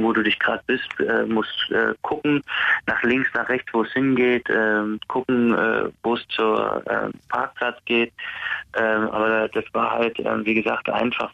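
A Dutch man, a prison inmate out on day release, talks hesitantly in a casual interview, full of fillers and restarts. His voice is on the low side and creaky. The recording is dry, with a dull lo-fi sound.

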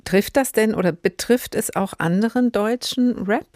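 A woman's voice: mid-range voice, moderate pace, a little mellow, no echo, clean studio sound. A woman presenting a radio culture program, interviewing and introducing segments in a conversational way. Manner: conversational, searching for words in questions. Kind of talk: radio culture magazine moderation.

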